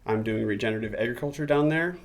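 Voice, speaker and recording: A man's voice: medium pitch, fast talker. A young man in his twenties from the American Midwest, a podcast guest chatting casually and joking. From Midwestern United States. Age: 20s. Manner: joking, laughs while talking. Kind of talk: casual chat.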